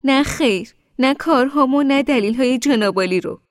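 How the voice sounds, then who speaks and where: A woman's voice: sits high, pitched above the performer's own voice, natural voice. A woman reading an audiobook, voicing a tearful young wife who pleads in a raised, insistent voice. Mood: hurt.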